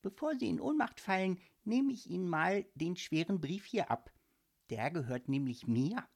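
A man voicing an excitable lovesick male ghost in a children's audiobook, with shrill squealing outbursts. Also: moderate pace, vocal fry, exaggerated voice. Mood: calm polite. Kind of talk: audiobook character voice.

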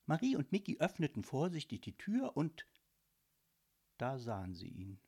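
A man narrating a children's audiobook in a playful, expressive way. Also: a little high, moderate pace, slightly rough.

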